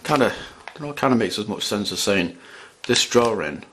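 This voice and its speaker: A man's voice: lowish voice, expressive, brisk, fairly bright tone, a little hiss or hum. A man chatting casually as he reviews candy on camera, rambling and restarting his sentences. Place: at home in front of a camera.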